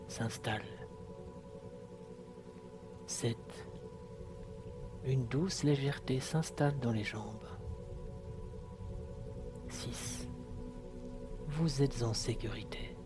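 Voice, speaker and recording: A man with a mid-pitched voice narrates a guided hypnosis session very slowly. His delivery is soft, sultry and soothing, hushed and broken by long pauses. Music plays clearly behind him. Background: clear background music.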